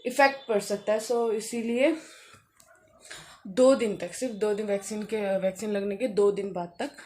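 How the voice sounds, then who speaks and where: A woman's voice: mid-range voice, steady tone, normal speed, warm tone, a little hiss or hum. A young woman from Uttarakhand chatting casually to camera as a vlogger, full of fillers and breaking into laughter as she tells a story. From Uttarakhand, India.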